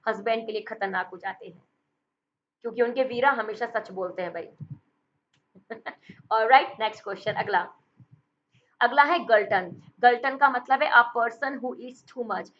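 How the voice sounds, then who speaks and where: A woman's voice: fairly high pitch, highs cut off. A woman teaching vocabulary for exam prep, with playful memory tricks and jokes, calling her students beta and bhai.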